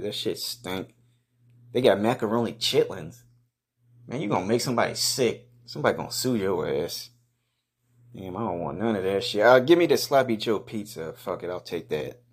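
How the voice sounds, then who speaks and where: A man's voice: lowish voice, slightly rough. A man giving casual, improvised first-person commentary in a crude, profane, slangy way, blunt and mocking as he goes.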